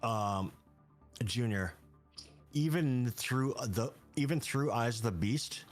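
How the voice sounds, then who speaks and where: A man's voice: mid-range voice, soft background music. A man running a tabletop role-playing game as game master, talking casually with many fillers and restarts. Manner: casual, halting, full of fillers.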